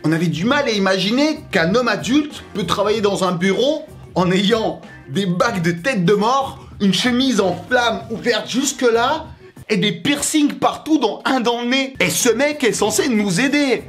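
A man's voice: sits high, animated, moderate pace, fairly bright tone, faint music behind. A young man from Russia with a Russian accent, telling a joking personal story on his vlog with slangy asides. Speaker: YouTuber.

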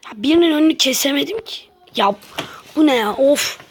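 A woman's voice: sits high, expressive, fairly quick. A woman giving casual gameplay commentary to her viewers, grumbling and exasperated as she plays. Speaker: gaming channel host.

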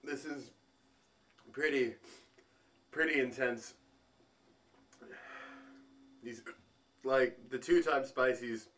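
A man vlogging as he tastes food, talking in halting bits while he thinks aloud between bites. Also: medium pitch, a bit bright. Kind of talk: food tasting vlog.

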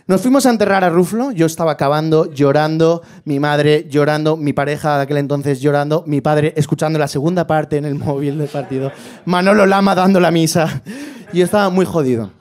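A stand-up comedian with a voice high for a man delivers his set a little fast, telling stories with lively swings. He breaks into shouted impressions of his relatives while a club audience laughs in the background.

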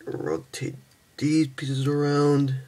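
Young man, toy review, slow halting delivery, sleepy, slight background hiss. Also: a little high, monotone. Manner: halting, stumbles and restarts often. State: tired, just woke up. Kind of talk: casual toy review with hands-on demo.

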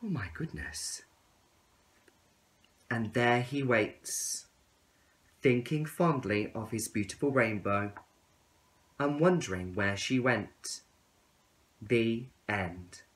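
A medium-pitched man in his thirties reads a storybook aloud to young children, expressive and deliberate.

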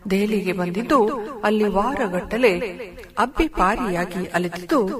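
A woman's voice: mid-range voice, lightly acted. A woman reading as a tender dying mother. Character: poor dying one-eyed mother, tender, self-sacrificing.

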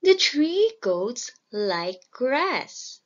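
A woman slowly and clearly reading a simple children's story aloud as a storyteller. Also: high voice, sing-song, highs cut off. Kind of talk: slow storybook reading for learners.

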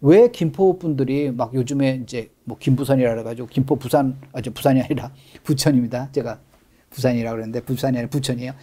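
Middle-aged guy explaining stuff quick, mellow, punches key words. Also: medium pitch. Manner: fast, emphatic explaining, stresses key words. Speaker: real estate expert guest. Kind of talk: explanatory interview talk.

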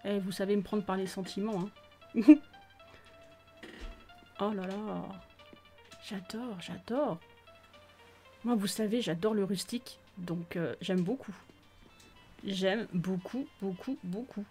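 A woman's voice: mid-range voice, slow, long pauses, darkish tone. A woman giving casual, gushing commentary on a game tour, exclaiming often and sometimes dropping almost to a whisper. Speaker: gaming video host touring viewers' islands. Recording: faint music behind.

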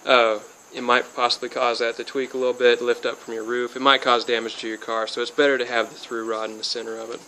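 Speaking fast with hardly any pauses, a DIY hobbyist in his twenties walks through a backyard build as a casual how-to. He's by a car outdoors, then under a metal-roofed shed. His middle-pitched delivery is even and flat. Sick and a bit spacey, he rambles, losing his thread, saying "uh," and correcting himself with many restarts. Faint crickets and insects hum behind the close camera mic on a low-quality recording.

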